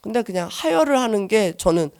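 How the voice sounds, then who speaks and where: Animated woman giving a church testimony. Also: medium pitch, a little fast, no echo, clean studio sound. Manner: animated, swings from soft to loud and earnest.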